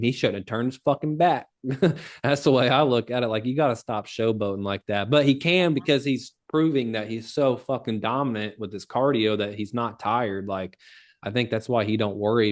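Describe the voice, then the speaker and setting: Low-voiced dude rambling on a podcast, cusses a lot, easygoing. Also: male voice. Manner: relaxed, rambling, swears freely. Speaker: podcast co-host. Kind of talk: casual chat about fights.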